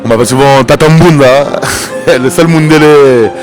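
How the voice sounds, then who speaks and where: A middle-aged man from Paris, a drummer, answering interview questions in a warm, easygoing way. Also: mid-range voice, normal speed. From Paris, of Cuban descent. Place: busy train station. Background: music.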